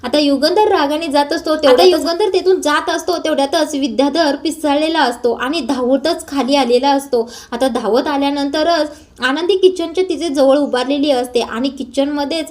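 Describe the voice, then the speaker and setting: A woman narrating a casual recap of a TV serial episode in steady storytelling, with hesitation fillers. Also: high-pitched, normal speed.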